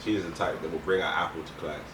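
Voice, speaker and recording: A man's voice: sits low, fairly even intonation, rapid-fire, fairly bright tone. A young man in casual chat as co-host of a couple's video, blunt and slangy, repeating himself for emphasis. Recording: echoey room, distant mic, clear background noise.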